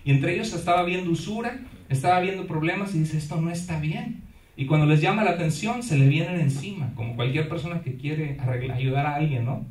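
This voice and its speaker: A man preaching a sermon as pastor, animated and full of rhetorical questions. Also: fairly high pitch, fast talker. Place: church hall. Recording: echoey hall, mic far off.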